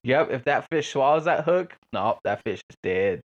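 A man's voice: mid-range voice, expressive, lo-fi sound. A young man in casual chat, trading jokes and laughing easily. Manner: joking banter, quick laughs.

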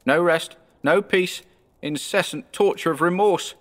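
A man's voice: on the high side, unhurried, fairly bright tone, long reverb tail, voice pushed up. A man voicing a tormented, remorseful ghost in a storybook reading, with grave, wailing declamation. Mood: restless, sorrowful. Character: tormented male ghost, mournful, remorseful and foreboding.

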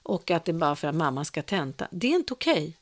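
A woman's voice: low-pitched, sing-song. A woman in casual podcast chat, speaking emphatically and getting heated when indignant.

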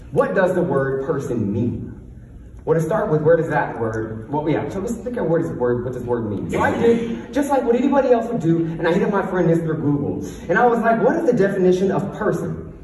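A man's voice: a little high, sing-song, moderate pace, darkish tone. A man giving a confident, emphatic motivational talk on stage, with a lisp that turns his R's into W's. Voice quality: lisp, cannot say R's, says w for r. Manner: emphatic, confident delivery with rhetorical questions. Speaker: motivational speaker, coach. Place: stage in a large echoing room before an audience. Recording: echoey hall from far off, faint noise.

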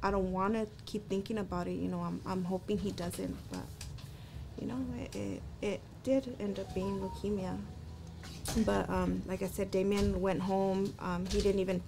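Mom telling her story in an interview, gravelly voice, stumbles and repeats, noisy recording. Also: medium pitch, fairly even intonation. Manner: halting, repeats words. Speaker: parent. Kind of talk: personal account in interview. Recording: noisy background.

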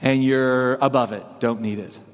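A man's voice: medium pitch, fairly even intonation, moderate pace. Storytelling male pastor in a big hall. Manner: digressive, self-deprecating storytelling. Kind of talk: sermon.

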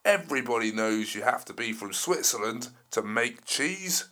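Guy doing a big shouty storybook dinosaur, angry and boastful, roars everything, bright voice. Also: medium pitch, animated, normal speed. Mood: furious roar. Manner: roaring, shouting threats.

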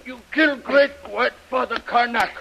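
A man's voice: very high voice, moderate pace, vocal fry, fairly bright tone, a little hiss or hum, full character voice. An actor playing a masked male assassin who threatens in broken speech, in 1930s radio drama style, on a muffled old radio recording. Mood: menacing.

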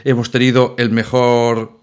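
A man's voice: mid-range voice, monotone, unhurried. A man co-hosting a podcast in casual chat, exuberant and playful. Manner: exuberant, playful, talks up the guest. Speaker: podcast co-host.

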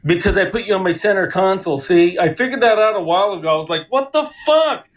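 Give me a man calling in from a parked car over a Bluetooth headset, the phone on the console serving as the microphone, his voice muffled and animated and full of swearing. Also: sits high, fast talker. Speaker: podcast guest calling in. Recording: distant muffled phone mic.

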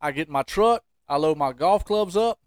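With a fairly high, animated voice at normal speed, this man co-hosts a podcast, spinning casual comic stories in down-home slang and hammering points by repeating phrases. The studio-quality sound has no echo.

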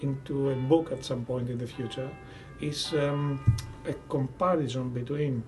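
A man from Greece with a Greek accent, answering as an academic in an interview, deliberate and often searching for words. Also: medium pitch, fairly even intonation, a little mellow, soft background music. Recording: distant mic with faint background noise.

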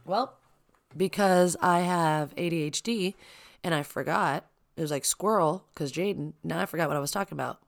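A young woman hosting her own podcast at home, chatting in an excitable, rambling way with lots of asides. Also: sits low, a little fast, gravelly. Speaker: podcast host. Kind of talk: casual solo podcast chat. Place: home, child playing upstairs. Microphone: sensitive podcast microphone.

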